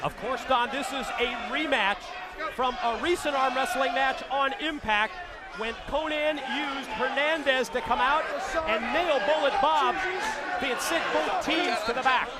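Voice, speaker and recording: High-pitched male wrestling play-by-play announcer. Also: measured pace. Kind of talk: excited live sports commentary. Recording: loud arena crowd and music behind.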